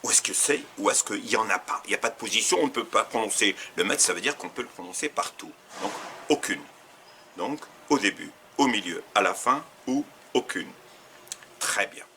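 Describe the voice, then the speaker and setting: A man with a fairly low but bright, forceful voice, running a quiz for his learners. His pitch swings widely as he poses each question, and he goes back over the answer choices one by one. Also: expressive, normal speed, a little hiss or hum. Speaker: Arabic teacher.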